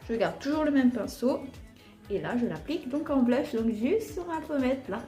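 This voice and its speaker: A woman's voice: sits high, lively intonation, moderate pace, dark tone. Woman, Alsatian accent, casual makeup tutorial, chatty with fillers, echoey room, faint background music. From Alsace, France. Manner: chatty, frequent fillers, talks while applying makeup. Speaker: beauty vlogger.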